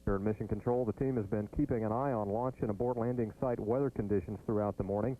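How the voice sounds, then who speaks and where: American man, formal spaceflight commentator. Low-leaning voice, measured scripted read, tinny narrowband sound. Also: fairly even intonation, faint music behind. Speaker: mission control commentator. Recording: thin phone-like broadcast line.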